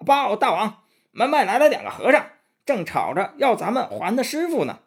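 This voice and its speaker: A man voicing a frantic little male demon messenger rushing in with news, in a storybook reading. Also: huge pitch swings, husky, full character voice. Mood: alarmed. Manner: shrill, hurried report.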